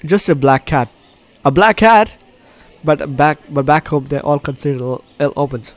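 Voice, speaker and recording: A gaming video host with a fairly high-pitched voice narrates a game playthrough at normal speed, reading the story aloud and reacting as he goes. He often stumbles and corrects his words. The recording itself is dry, with game music playing behind him.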